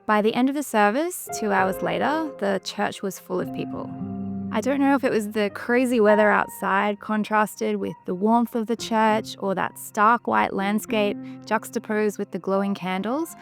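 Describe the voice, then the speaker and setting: Female travel narrator, mid-pitched, some vocal fry, measured descriptive storytelling over a music bed. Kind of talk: scripted documentary-style narration.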